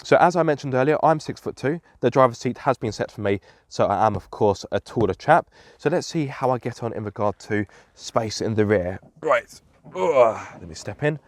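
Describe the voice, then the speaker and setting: Here a young man sounds a bit nasal from a stuffed-up nose as he reviews a car from the inside in a casual walkaround. His mid-range voice is animated and moves at a moderate pace, full of fillers and frequent self-corrections.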